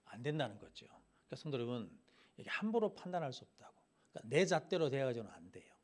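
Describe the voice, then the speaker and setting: A man's voice: medium pitch, sing-song, fast. A middle-aged male pastor preaching a Wednesday sermon, firing rhetorical questions at the congregation and acting out Bible characters in casual speech.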